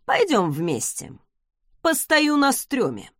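A woman's voice: high voice, huge pitch swings, takes it slowly, fairly bright tone, dry recording, studio quality, heavily acted. Woman reading as a smug charming young guy. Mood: ironic. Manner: teasing, ironic. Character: smug, charming young male academy student.

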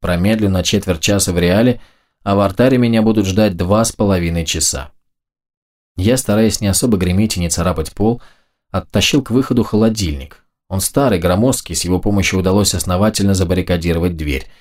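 A man narrates a first-person audiobook with steady, even delivery. His voice sits very low, calm and controlled through the story. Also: fairly quick.

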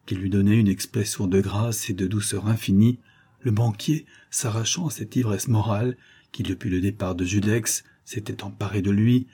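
Low, husky male audiobook narrator. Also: mellow. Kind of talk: literary audiobook reading.

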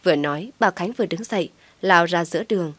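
A woman narrating a family drama story aloud, voicing all the characters herself with louder, more emotional quoted lines. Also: fairly low pitch, brisk, no echo. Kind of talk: scripted story reading with voiced dialogue.

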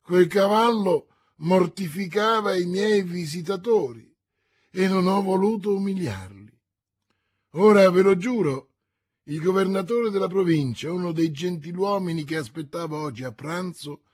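A man voicing a boisterous, boastful musketeer who talks loudly and proudly in an audiobook. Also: high-pitched, a little slow, husky, voice pushed up. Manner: loud, exclamatory, raised voice.

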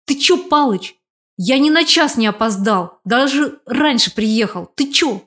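A woman voicing a frightened young male courier who talks hoarsely and babbles pleadingly in an audiobook. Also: fairly high pitch, expressive, measured pace, a bit bright. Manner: pleading, defensive. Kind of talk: audiobook character voice.

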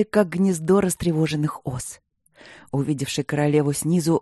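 An audiobook narrator reading a novel in even, steady storytelling. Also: medium pitch, no echo, clean studio sound. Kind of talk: scripted narration.

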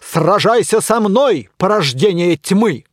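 A man voicing a pompous, blustering knight who shouts grand challenges and whose voice cracks high. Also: lively intonation, takes it slowly, no room sound, studio quality, exaggerated voice. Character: pompous blustering knight, shrill, easily flustered.

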